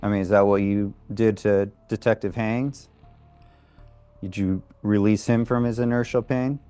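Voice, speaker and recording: A man's voice: fairly low pitch, fairly even intonation, unhurried, warm tone, smooth, faint music behind, close to an everyday voice. A man playing a sceptical, defiant investigator in a tabletop game, plain-spoken and dry.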